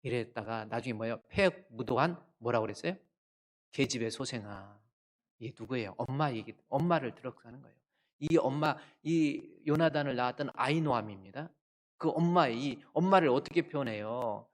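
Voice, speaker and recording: Male pastor, sunday sermon, emphatic, questions to the congregation, loud bursts then low asides. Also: a little fast. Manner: swings between loud outbursts and low asides. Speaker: senior pastor.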